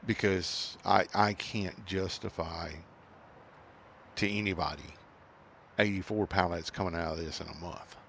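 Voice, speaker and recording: A middle-aged man with a very low, gravelly voice talks through a farming game in a loose, rambling way, full of fillers and restarts. He slides easily into exasperated rants. A faint hiss sits under his home desk-mic recording. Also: steady tone, unhurried, a bit bright. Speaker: gaming channel host. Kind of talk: casual gameplay commentary.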